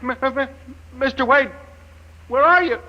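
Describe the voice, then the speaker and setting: An actor in his forties playing a frightened, stammering man trapped in a dark silo, in 1950s radio drama style. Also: very high-pitched, a little slow, highs cut off. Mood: terrified. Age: 40s. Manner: stammering, panicky. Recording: very noisy old radio recording.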